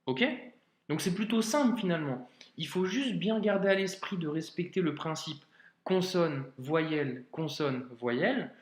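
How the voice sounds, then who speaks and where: A man's voice: on the high side, echoey room. A man teaching Arabic reading in a recorded video lesson, patient and informal, often checking that the learner follows. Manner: slow, patient, informal, addresses viewer as tu, checks understanding with ok.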